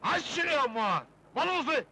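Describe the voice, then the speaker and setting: A man's voice: very high voice, sing-song, rapid-fire, pushed and bright, slight background noise, heavily acted. An actor with an Egyptian accent playing a poor, fussing uncle who coaxes and soothes his nephew. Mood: coaxing. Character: hard-up uncle, patient and fussing.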